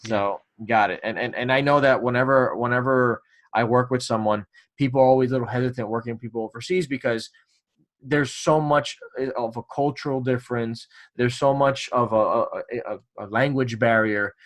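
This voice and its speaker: A male podcast host chats in a relaxed interview at a moderate pace, his voice at middle pitch. He's friendly and jokey, frequently tripping over repeated words.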